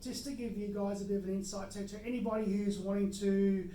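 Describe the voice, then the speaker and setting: A woman's voice: mid-range voice, fairly even intonation, fairly quick, dark tone, a little hiss or hum. An Australian woman hosting a podcast, upbeat and a bit hesitant, with many fillers as she chats. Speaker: podcast host. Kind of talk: casual conversation. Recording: echoey room, mic at a distance.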